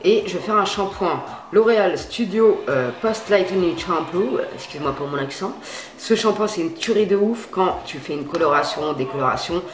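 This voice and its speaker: A beauty vlogger at home at night chats casually while showing how she dyes her hair, using slang and lots of fillers. Her low voice is animated and a little fast, and the room sounds echoey.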